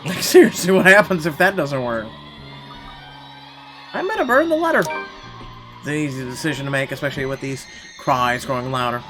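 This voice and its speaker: During a visual novel playthrough, this man gives a dramatic, expressive read-aloud of the narration, dropping in casual swearing. He sounds animated in a mid-range voice, moving at a moderate pace with long pauses. The audio is poor, with game music underneath.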